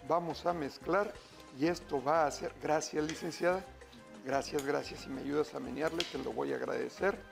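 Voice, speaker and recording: A middle-aged cooking-show host chats with viewers while he cooks in a studio kitchen, upbeat and constantly calling them "familia." His gravelly voice is a little high, with fairly even intonation and normal speed. Music plays behind him.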